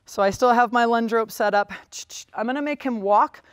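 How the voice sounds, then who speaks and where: A fairly high-voiced woman gives a riding lesson as she lunges a horse in a ring. She speaks calmly and encouragingly, breaking off often to praise the horse. Her voice is close and dry. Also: normal speed, clear, resonant tone, dry recording. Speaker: riding instructor. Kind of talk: demonstration lesson while lunging a horse.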